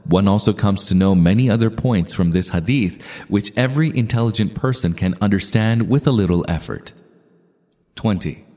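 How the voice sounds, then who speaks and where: A man reads religious texts aloud in a measured, formal recitation and adds his own commentary. His voice sits low and sounds warm and dark. A long reverb trails each phrase. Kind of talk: scripted reading with commentary.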